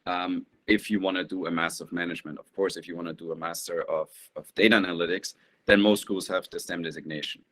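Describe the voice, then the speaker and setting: Low-voiced young man, hesitant answers. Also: fairly even intonation, fast, a bit bright. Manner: hesitant, many "um"s. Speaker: guest, business school applicant. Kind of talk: webinar Q&A answers. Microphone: video call.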